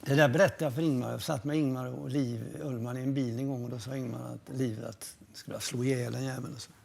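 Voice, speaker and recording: An older man, a film producer, reminiscing in a documentary interview, a lively storyteller who swears freely and acts out what others said. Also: mid-range voice, gravelly.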